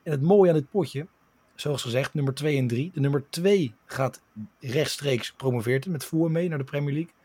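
A man hosting a casual football podcast with a hoarse voice, talking at length with fillers and restarts. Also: fairly high pitch, normal speed, warm tone. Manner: talkative, many fillers and restarts while explaining. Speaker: podcast host.

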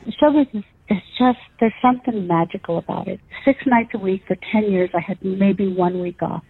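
A woman's voice: mid-range voice, brisk, husky, dry recording. A middle-aged or older woman recalling personal events conversationally, as an interviewee. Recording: muffled lo-fi interview audio.

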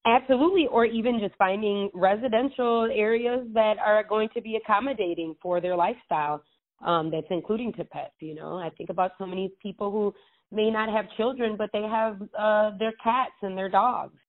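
Speaking at a moderate pace in a mid-range voice, a woman who serves as a state legislator responds earnestly to an interviewer by phone. She rambles, with many false starts, and the phone line is tinny.

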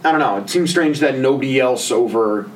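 A man's voice: mid-range voice, fairly quick, recorded from a distance, a little hiss or hum, rough recording. A man co-hosting a casual movie-review podcast, sarcastic and swearing, mimicking characters' lines. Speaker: podcast co-host.

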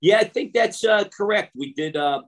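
An older man, a coach being interviewed outdoors, tells anecdotes in a casual, halting, conversational way. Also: high-pitched, expressive. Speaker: shooting coach, interview guest. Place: outdoors, near passing traffic.

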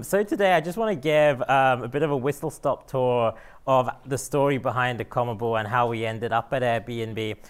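A man's voice: medium pitch, clear, resonant tone. A man from London with a London accent, giving a casual lecture-style talk about his own story, with many fillers and restarts. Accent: London English. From London, England. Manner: conversational, with frequent fillers and restarts. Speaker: guest speaker.

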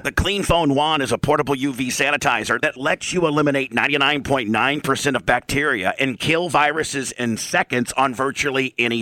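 A man's voice: medium pitch, sharp tone, no room sound. A man reading a hard-sell ad in an emphatic, punchy way, repeating key phrases as an announcer.

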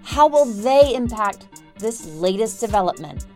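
High-voiced woman narrating news over music. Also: lively intonation, a little slow, darkish tone. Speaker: podcast host and reporter.

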